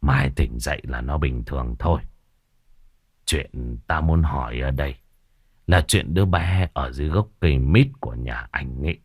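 A man voicing an old village sorcerer in an audiobook, with a husky voice and slow, solemn advice. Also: rumbling low, no echo, studio quality, full character voice. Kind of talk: audiobook character voice.

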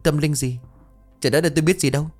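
A man voicing a hot-tempered middle-aged man who shouts and wails his complaints. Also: on the high side, fairly even intonation, very fast, soft background music, pitched above the performer's own voice, lightly acted. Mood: defensive.

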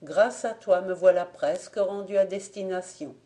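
Calm ironic old blind man, voiced by a woman in an audiobook, mellow lowish tone. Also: moderate pace, natural voice.

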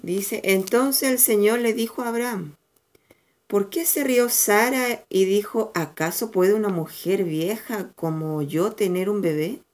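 A woman in a Bible class reading scripture passages aloud at a steady, plain pace. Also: medium pitch, measured pace.

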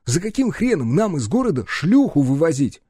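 A man voicing a crude, cocky young male partner who talks in a loud, mocking way. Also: fairly high pitch, very animated, normal speed, husky, no room sound, studio quality, pitched above the performer's own voice. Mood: brash mocking.

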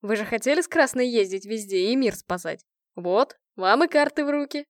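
A woman voicing a cheerful, loud male colonel who teases with mocking nicknames. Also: fairly high pitch, animated, moderate pace, no room sound, clean studio sound, lightly acted. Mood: jovial teasing.

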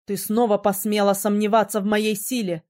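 A woman's voice: mid-range voice, flat delivery, moderate pace, a little mellow, lightly acted. A woman voicing Iras, a curt young mage prince. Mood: angry. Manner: curt, commanding. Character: young male mage prince, arrogant and hot-tempered. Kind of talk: audiobook character voice.

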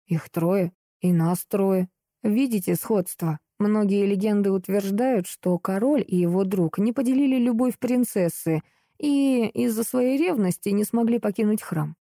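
Lady reading sly mocking young prince, drawly teasing talk, really mellow voice. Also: medium pitch, measured pace, no room sound, clean studio sound, lightly acted. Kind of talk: audiobook character reading.

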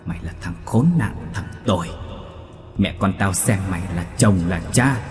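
A man's voice: sits low, moderate pace, darkish tone, reverberant, long reverb tail, soft background music, natural voice. A man voicing a vengeful woman's ghost, a bitter abused wife who screams curses. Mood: furious.

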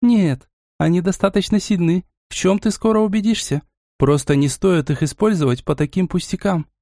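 A male narrator voicing a calm, gentle young princess who can see the future, speaking in a soft, mentoring tone. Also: high-pitched, moderate pace, dry recording, clean studio sound, voice pushed up.

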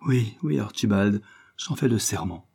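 A man's voice: fairly low pitch, lively intonation, unhurried, creaky, warm tone, husky, exaggerated voice. A man reading the part of an anguished young wife in an audiobook, in an urgent, pleading tone. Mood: distressed.

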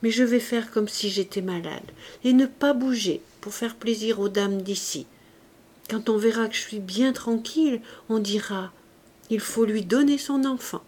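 A woman voicing a frail, feverish young mother who longs to see her child, speaking higher and with eager fervor. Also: unhurried, darkish tone. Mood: pleading. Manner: raised, eager, fervent delivery.

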